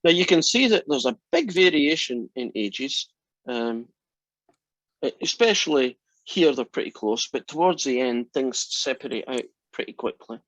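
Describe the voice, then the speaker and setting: A fairly bright, medium-pitched voice with lively intonation belongs to a man in his sixties teaching math over a video call at normal speed. He's talkative and friendly, checking in often with "right?" The computer mic yields dry, dull, lo-fi audio.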